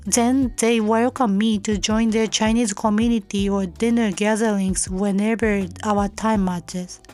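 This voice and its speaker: Japanese woman host, slightly high voice, careful scripted read, soft music bed. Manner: careful, measured reading in non-native English. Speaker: podcast host. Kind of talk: scripted solo podcast narration.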